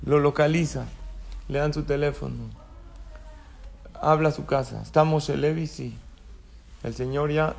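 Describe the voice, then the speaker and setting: A man leads a religious class in a relaxed storytelling manner. His voice sits slightly high and has a gravelly rasp. Faint background noise is heard behind him. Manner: conversational, asks the audience rhetorical questions. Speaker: religious teacher.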